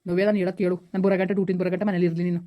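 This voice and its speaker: A woman playing a family member who keeps calming everyone before leaving for duty, soothing and insistent, in a village family skit. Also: fairly low pitch, rapid-fire, dull audio, natural voice. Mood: weary.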